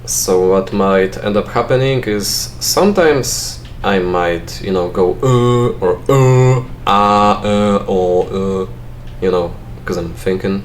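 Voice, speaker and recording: Speaking slowly with few pauses, a young Polish-accented man in a low voice thinks aloud through fillers as he plays, over a little hiss or hum. The let's play gamer, from Poland and not a native English speaker, keeps his commentary dry and self-mocking.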